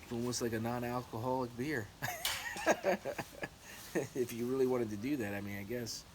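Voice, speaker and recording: A man's medium-pitched voice swoops wildly up and down as he chats casually to his viewers at a normal speed. Like a home-brew vlogger, he is rambling, repetitive, and hesitant, and the recording is noisy with clicks.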